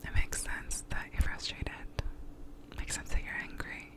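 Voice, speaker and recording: Woman giving a whispered pep talk. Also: normal speed. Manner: whispering throughout, close up; reassuring, validating. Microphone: close to the mouth.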